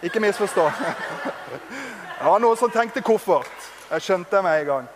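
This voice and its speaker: A man with a very high voice delivers a lively storytelling sermon to young people, chatty and animated, laughing at himself now and then. He sounds to be in his thirties, and his voice rings out through a large hall with a long reverb. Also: background noise.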